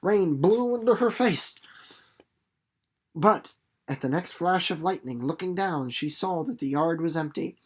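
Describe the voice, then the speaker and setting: With a fairly high, unhurried voice that has a breathy edge, a man reads a story expressively and explains it in a casual, folksy, animated way, like a playful teacher.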